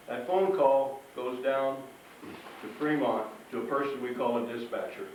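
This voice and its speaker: At a live event in an echoing indoor hall, a medium-pitched firefighter gives schoolchildren an informal, instructive safety presentation. He frequently asks questions to check they're keeping up. The recording is distant and echoey, with faint noise.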